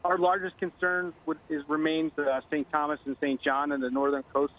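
A middle-aged man giving a halting official briefing in a live news interview over the phone. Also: a little high, flat delivery. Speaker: Coast Guard commander, phone interviewee. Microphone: phone line. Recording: dull lo-fi phone line.

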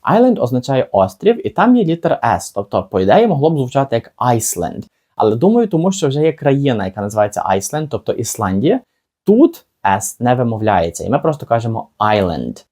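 Casting: male teacher, mellow voice, chatty and question-asking, slows down for examples. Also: mid-range voice. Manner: chatty, asks the viewer rhetorical questions, slows down for example words. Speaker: English teacher. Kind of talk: casual video lesson.

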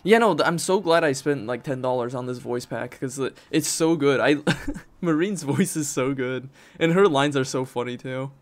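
A man's voice: mid-range voice, moderate pace. A man livestreaming a video game, chatting casually with viewers and musing aloud in an easygoing way. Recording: loud game music behind voice.

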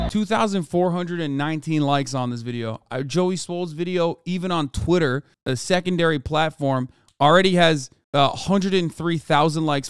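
A man's voice: fairly high pitch, clear, resonant tone, dry recording. A man in his thirties, a streamer, ranting with exasperation and lots of swearing in live commentary, recorded in his home streaming room on a studio mic. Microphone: studio mic on boom arm.

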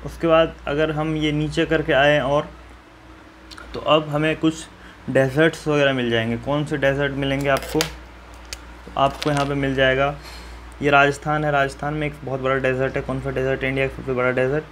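Medium in pitch with little pitch movement and a fairly bright tone, a man talks at normal speed against slight background noise. His step-by-step map-filling lesson for school students is friendly and reassuring, peppered with questions to viewers.

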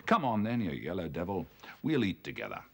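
A man voicing a gruff, desperate gambler. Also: sits low, huge pitch swings, brisk, full character voice. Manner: muttered, gruff asides. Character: desperate, superstitious male gambler, cold and hungry. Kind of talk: storytelling reading.

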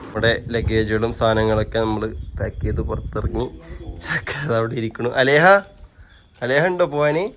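A man's voice: on the low side, fairly even intonation, brisk, fairly bright tone. A young man from Kerala with a North Kerala Malayalam accent, chatting casually to viewers in a family vlog at home. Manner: chatty, addresses viewers as guys. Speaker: family vlogger.

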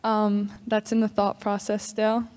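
A teenage girl, a high school basketball player, giving brief, soft-spoken answers on a handheld mic in a large sanctuary. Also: completely flat delivery, measured pace, clear, resonant tone. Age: teens. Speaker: student athlete. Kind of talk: interview answer. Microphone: handheld microphone. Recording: long hall reverb.

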